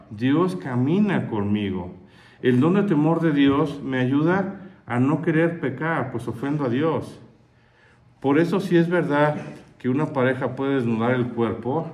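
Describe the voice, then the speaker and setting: Conversational priest preaching with humor. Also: male voice, mid-range voice, a little mellow. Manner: conversational, humorous, asks the audience questions. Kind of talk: sermon with anecdotes.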